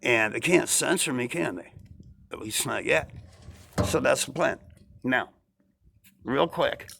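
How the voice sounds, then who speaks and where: A man's voice: mid-range voice, animated, slow, vocal fry, background noise. A man talking in a rambling casual monologue, repeating himself and asking rhetorical questions. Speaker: vlogger.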